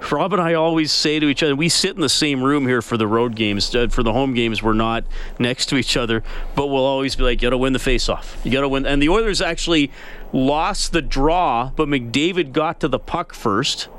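A man's voice: medium pitch, normal speed, a bit bright, clean tone. A man hosting a post-game sports radio call-in show, close on a studio microphone. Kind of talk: post-game radio talk with sponsor reads. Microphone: close broadcast microphone.

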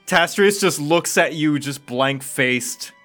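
Slow, halting man playing a tabletop game. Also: a little high, bright, forceful tone, faint music behind. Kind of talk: casual tabletop role-play chat.

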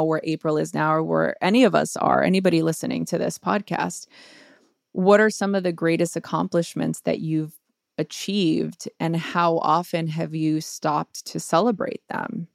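A woman's voice: lowish voice, gravelly, dry recording, studio quality. A woman guest on an advice podcast, talking earnestly and asking rhetorical questions as she shares her own experience. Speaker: guest author.

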